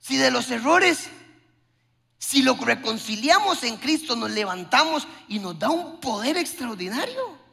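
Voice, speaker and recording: A man preaches with fervent energy in a high, bright voice with a gravelly rasp. His words ring out through a hall with a long reverb tail. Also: very animated, measured pace. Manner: impassioned preaching with acted-out dialogues. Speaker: pastor. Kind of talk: sermon.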